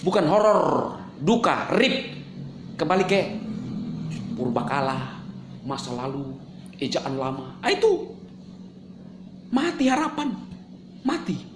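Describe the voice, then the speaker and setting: A man talking straight to his viewers in a casual monologue, animated and sarcastic, swinging between loud jabs and low mumbles. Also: slow, long pauses, roomy sound, noisy background. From Indonesia. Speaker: video creator answering critics.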